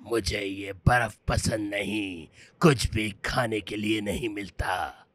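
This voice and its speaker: A man's voice: fairly low pitch, fairly even intonation, slow pace, a bit bright. A man voicing a hungry, sly male wolf in a cartoon dub, talking in a coaxing, falsely soothing way. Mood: grumbling. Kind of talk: cartoon dubbing.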